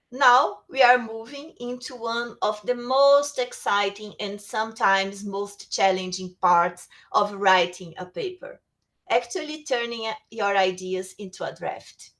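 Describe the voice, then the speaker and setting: A woman whose first language is Portuguese gives a webinar lecture on writing tools, reading prepared text with small restarts. Her voice is on the high side, animated and a bit bright, and she speaks slowly.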